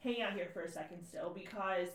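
A woman co-hosting a casual faith podcast, chatty and quick to laugh as she asks questions. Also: on the low side, reverberant, distant mic, over a noisy crowd. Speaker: podcast co-host. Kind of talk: casual chat.

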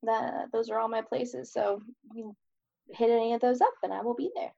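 A woman's voice: on the high side, fairly even intonation, moderate pace, vocal fry, mellow, no room sound. A woman chatting casually as an author and guest on a podcast, on slightly dull, lo-fi audio. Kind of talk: casual interview chat. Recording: dull, lo-fi band-limited audio.

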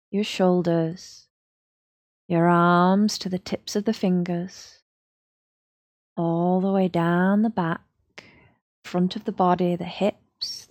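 A woman guides a yoga relaxation, leading listeners through the body part by part. Her voice is low and mellow and her delivery is slow and unhurried. The sound is dry and close, with no room around it. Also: no room sound. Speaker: yoga teacher.

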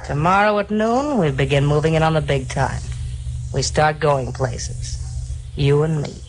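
A woman's voice: low-pitched, measured pace, poor audio. A ruthless gangster moll from an old radio crime play. She bosses and schemes in hard-boiled slang, with some hiss and noise on the recording. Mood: seductive, scheming.

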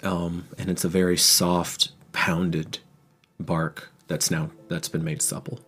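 A man with a very deep voice runs a tabletop game as game master. He narrates in vivid detail with thoughtful pauses, and faint music plays beneath. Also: level tone, fairly bright tone, slightly rough.

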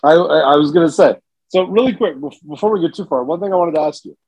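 A man's voice: on the high side, fast talker, a little mellow, breathy edge, no room sound, lo-fi sound. A man co-hosting a podcast, in a casual chat, playful and joking. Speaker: podcast co-host.

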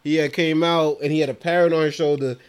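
A man co-hosting a podcast, telling animated, slangy stories and laughing often, in casual chat. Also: fairly high pitch, fast talker, clear, resonant tone. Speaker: podcast co-host.

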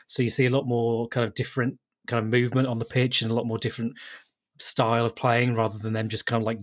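A man from England chatting casually on a podcast, rambling with lots of fillers and frequent laughs. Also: mid-range voice. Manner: rambling, laughs often, many fillers and restarts. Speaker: podcast co-host. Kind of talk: casual chat.

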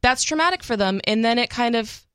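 A woman's voice: fairly high pitch, animated, brisk, a bit bright, clear, resonant tone, no room sound. A woman co-hosting a radio talk show, explaining her points at length in earnest, casual chat on a studio mic. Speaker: co-host. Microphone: studio microphone.

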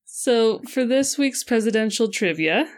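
A woman's voice: fairly high pitch, expressive, measured pace. Giggly young woman co-hosting a podcast. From United States. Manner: giggly, friendly, lightly teasing. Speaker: podcast co-host. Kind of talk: casual chat.

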